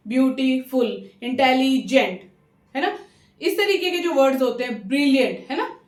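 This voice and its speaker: A high, light-voiced woman with an Indian accent gives a patient grammar lesson, walking through each rule step by step. She checks in with the listener often and slows right down on example words. The sound is roomy, with the mic set a little way off. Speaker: English grammar teacher. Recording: roomy, mic some distance away.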